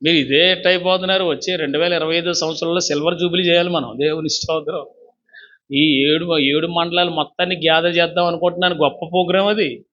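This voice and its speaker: Male pastor, fervent call-and-response preacher; high, sharp delivery on a muffled lo-fi church recording. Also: steady tone, quick pace, slight background noise. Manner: fervent, urges congregation to repeat after him. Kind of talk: sermon. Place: church service. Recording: dull lo-fi recording.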